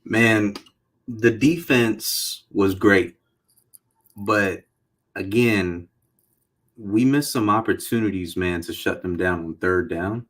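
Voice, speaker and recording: Deep-voiced man venting about his team. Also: takes it slowly, pauses often, fairly bright tone. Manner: frustrated, plain-spoken, says "man" often. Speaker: sports podcast co-host. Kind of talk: casual postgame football chat.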